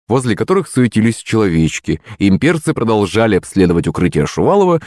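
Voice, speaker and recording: A man narrating a first-person fantasy audiobook in a wry, expressive storytelling manner. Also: fairly low pitch, no room sound, studio quality.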